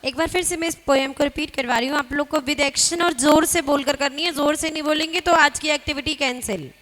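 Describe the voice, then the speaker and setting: A woman teacher in a classroom, leading children in a slow sing-song recitation and urging them to speak up. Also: high voice, fairly bright tone.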